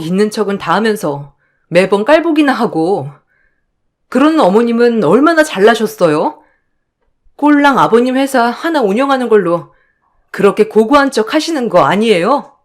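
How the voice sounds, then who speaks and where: A woman voicing a defiant young daughter-in-law who answers back with sharp, biting retorts. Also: a little high, voice pushed up, natural voice.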